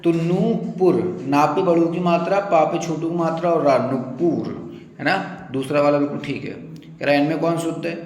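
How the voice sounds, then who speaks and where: Male teacher, exam quiz lesson, raised pitch, echoey room with long reverb. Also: little pitch movement. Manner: explains, repeats words slowly, asks listener.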